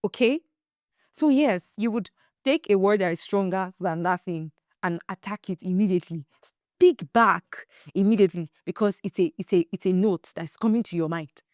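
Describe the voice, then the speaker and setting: A young adult woman hosting a faith-based podcast, telling stories in a casual, animated way and acting out the quotes. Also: medium pitch, normal speed, no echo, studio quality. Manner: animated storyteller, acts out quotes, emphatic repeats. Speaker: podcast host.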